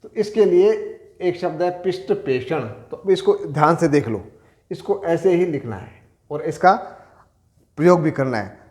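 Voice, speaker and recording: A man's voice: a little high, expressive, measured pace, darkish tone. A middle-aged man from Rajasthan teaching a Hindi spelling lesson for exam preparation, patiently explaining and answering his own questions. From Rajasthan, India.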